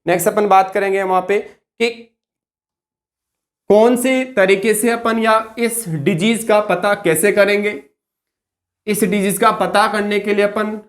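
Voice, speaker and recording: A male nursing tutor giving an exam-focused lecture. He keeps asking questions and answering them himself, and slows to stress key terms word by word. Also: high-pitched.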